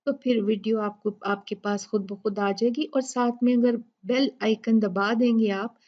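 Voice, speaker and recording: A woman teaching Quran recitation rules. She demonstrates letters slowly and patiently, and often checks with "ठीक है?". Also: fairly high pitch, steady tone, highs cut off. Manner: patient, drawn-out demonstrations, keeps asking "ठीक है?". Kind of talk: tajweed lesson with slow recitation.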